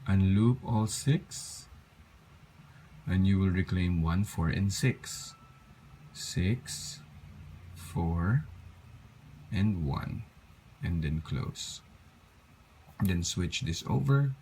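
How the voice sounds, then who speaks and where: A man's voice: low-pitched, expressive, extremely slow, pauses often, dark tone, slight background noise. Tired man counting out craft steps. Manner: counts steps aloud, apologizes for slips. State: tired, yawning. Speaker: craft tutorial host. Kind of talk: step-by-step craft tutorial.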